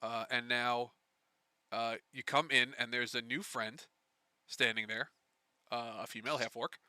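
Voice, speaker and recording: A man's voice: mid-range voice, steady tone, unhurried, pushed and bright, slight background noise. A man narrating as game master of a tabletop game on a live stream, talking loosely with restarts and frequent laughs. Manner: loose, chatty, laughs often, restarts phrases.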